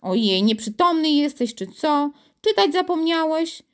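A woman's voice: high voice, very animated, unhurried, voice pushed up. A woman voicing a glum, embittered young boy who mocks his friends. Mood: mocking. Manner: sulky, mocking, aggrieved.

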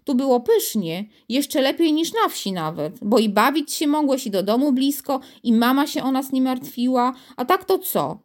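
A woman's voice: high-pitched, expressive, normal speed, few pauses, voice pushed up. A woman voicing a glum, embittered young boy who mocks his friends. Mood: sad. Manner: sulky, mocking, aggrieved.

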